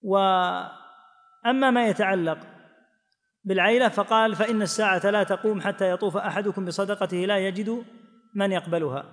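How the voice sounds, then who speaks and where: High-voiced man teaching in a reverberant hall. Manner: measured, explanatory, voices quoted speakers. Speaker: teacher explaining hadith. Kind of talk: religious lesson commentary.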